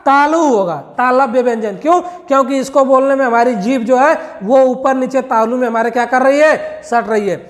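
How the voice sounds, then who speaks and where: A man with a very high voice, recorded in a large hall, works through exam questions in an exam-prep lesson. He drills slowly, drawing out letters one at a time and throwing rhetorical questions at the class.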